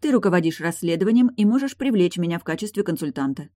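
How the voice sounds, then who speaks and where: A woman reading an audiobook, voicing a brash, sharp-tongued retired guardswoman who is mocking, blunt and pushy. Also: lowish voice, lively intonation, fast, dry recording, clean studio sound, pitched above the performer's own voice. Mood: scheming.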